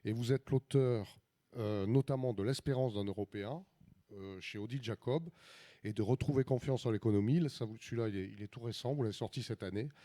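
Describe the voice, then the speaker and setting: A man hosting a live public interview in an informal, halting way, often repeating his words. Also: mid-range voice, dark tone.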